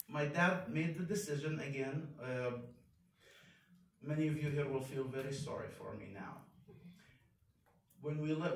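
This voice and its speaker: A man in his fifties, raised in Kuwait, giving a candid, self-deprecating personal testimony at a chapel pulpit. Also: medium pitch. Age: 50s. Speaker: devotional speaker. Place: large chapel, speaking at a wooden pulpit. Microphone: far camera phone in the congregation. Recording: very echoey hall, voice from far off.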